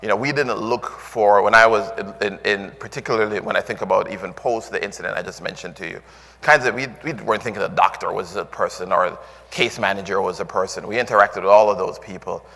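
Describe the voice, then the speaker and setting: A man with a Jamaican accent gives a conference talk in a low voice, stopping often with "um" and "uh" and restarting his sentences. The sound carries a long reverb from a large hall. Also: fast, pushed and bright. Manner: filler-heavy, restarts often, earnest. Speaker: conference speaker.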